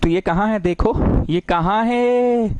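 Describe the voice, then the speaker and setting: A man's voice: sits high, takes it slowly, a little mellow, clean tone, no echo, rough recording. A man teaching math in a lecture, playful and full of questions, acting out little dialogues. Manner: playful, acts out little dialogues, keeps asking students questions. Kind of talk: classroom-style lecture.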